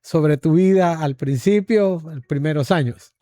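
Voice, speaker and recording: A male podcast host with a warm, mellow tone, recorded close and dry. He sounds upbeat and welcoming, and his pitch sits somewhat high. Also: a little slow, no room sound. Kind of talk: podcast interview.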